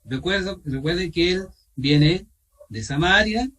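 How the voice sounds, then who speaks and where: A man with a Chilean accent teaching an online Bible study, asking his listeners questions and pausing with fillers. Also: high-pitched, expressive, a bit bright, far from the mic, rough recording. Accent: Chilean Spanish. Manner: asks questions of the group, repeats himself, pauses with fillers. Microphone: video call.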